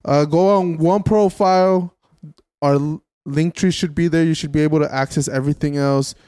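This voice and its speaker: Male podcast host, slangy frat-bro chat, fairly high voice, dry close sound. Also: steady tone, moderate pace, mellow, smooth, no room sound. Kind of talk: casual chat.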